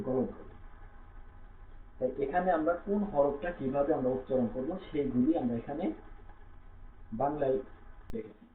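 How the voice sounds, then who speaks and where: A man with a Bangladeshi Bengali accent gives a slow, patient reading lesson, sounding out letters one by one and humming between them. His voice comes through thin and phone-like. It echoes around a bare room over a faint hum. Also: mid-range voice. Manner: patient, repeats each letter with filler hums. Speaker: Quran reading teacher. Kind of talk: slow classroom-style lesson, spelling out letters.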